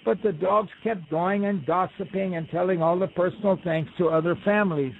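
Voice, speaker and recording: Over a tinny phone line with a faint hiss, a male guest with a high, creaky voice tells stories at a normal speed. His relaxed, conversational delivery is folksy and rambling, and he performs the voices of the people he quotes.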